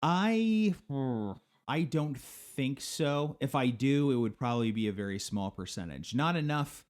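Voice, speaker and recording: A man co-hosting a comedy podcast, chatting casually and often chiming in with quick agreement. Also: medium pitch, lively intonation. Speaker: podcast co-host.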